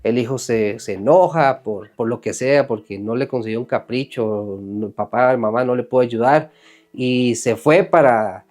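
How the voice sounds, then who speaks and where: A man preaching an earnest, animated sermon who acts out the voices of people he quotes. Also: mid-range voice, measured pace, faint music behind. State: sweating from emotion.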